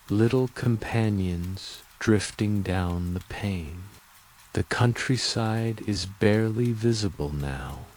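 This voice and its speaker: Male sleep story narrator: low register, very slow pacing, calm and gentle, made to lull listeners to sleep. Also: rough recording. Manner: calm, gentle, unhurried lulling delivery.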